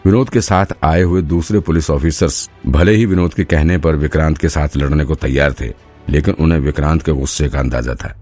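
A man narrating an audiobook in a steady storytelling manner. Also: very deep voice, a little fast. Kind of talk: scripted narration. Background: faint background music.

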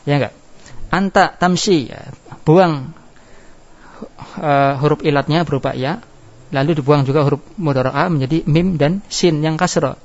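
Explaining grammar step by step, a male teacher asks the class questions and supplies the answers himself. His voice is a little high and darkish, his pace measured, and the classroom recording sounds dull and lo-fi.

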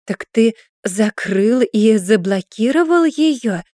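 A woman's voice: fairly high pitch, animated, takes it slowly, warm tone, dry recording, studio quality. A woman reading a storybook voices a defensive young woman who answers curtly and bitingly. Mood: defiant. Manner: curt, biting and defiant.

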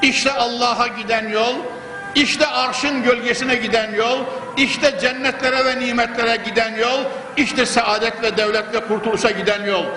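A man's voice: very high-pitched, steady tone, moderate pace, pushed and bright, faint music behind. Older man preaching at a pulpit microphone. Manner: fervent, rhythmic, repeating phrases for emphasis. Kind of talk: mosque sermon. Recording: echoey hall with clear background noise.

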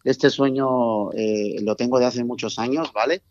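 A man's voice: medium pitch, steady tone, measured pace, darkish tone, lo-fi sound. A middle-aged man from Mexico, a festival organizer, chatting in an interview, joking and effusive with frequent tag questions. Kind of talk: casual interview chat.

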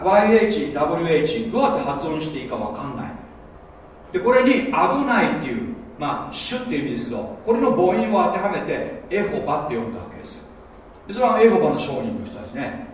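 A man preaching a sermon as pastor, animated and often checking that listeners follow along. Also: on the high side, a little hiss or hum. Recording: echoey hall, voice from a distance.

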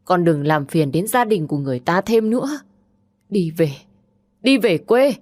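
A woman's voice: lowish voice, animated, a little fast, darkish tone, no echo, clean studio sound, natural voice. A woman voicing a distraught middle-aged mother who scolds and pleads with her daughter in an audio story. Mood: pleading.

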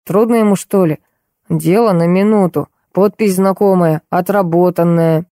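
A woman reads a stout, pushy middle-aged woman neighbour in a hoarse voice, set lower than the narration. The tone is dark and dry. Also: moderate pace, dry recording, natural voice. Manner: rattling, pushy.

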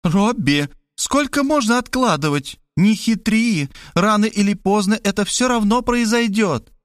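A man's voice: sits high, lively intonation, unhurried, dry recording, studio quality, voice pushed up. A man voicing a pushy, scolding elderly mother in an audiobook. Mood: nagging. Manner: scolding, insistent, dramatic. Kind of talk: audiobook character voice.

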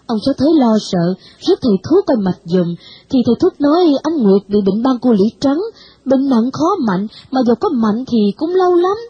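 Breathy woman storyteller. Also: sits high, very animated, moderate pace, warm tone, dry recording, dull audio. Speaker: narrator. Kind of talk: storytelling reading of a novel.

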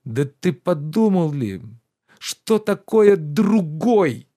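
Indignant idle nobleman in an audiobook, high and shrill, loud lecturing, as a male reader puts him on. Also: very animated, slow. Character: pampered idle middle-aged gentleman, indignant.

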